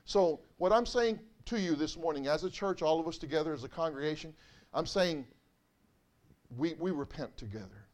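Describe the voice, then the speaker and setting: High-voiced pastor preaching conversationally. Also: male voice, lively intonation, normal speed, darkish tone. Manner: conversational, repetitive, emotional preaching. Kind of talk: sermon. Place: church sanctuary.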